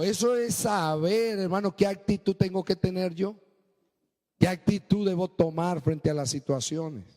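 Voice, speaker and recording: High-voiced preaching pastor in echoing hall. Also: male voice, mellow. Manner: preaching with sudden swings from low and slow to high and emphatic. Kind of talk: sermon.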